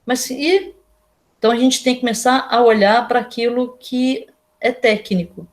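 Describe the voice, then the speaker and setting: A woman's voice: fairly high pitch, steady tone, normal speed. A Brazilian woman lecturing to her students in a casual, explanatory way, often asking them rhetorical questions. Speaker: university lecturer. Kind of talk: online class lecture.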